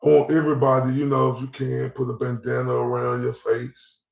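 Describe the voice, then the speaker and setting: A man's voice: medium pitch, monotone, brisk, gravelly, a little mellow. A man from Dallas, ranting bluntly and profanely as a commentary host. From Dallas, Texas. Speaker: YouTube commentator. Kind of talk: livestream rant. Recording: roomy echoey recording.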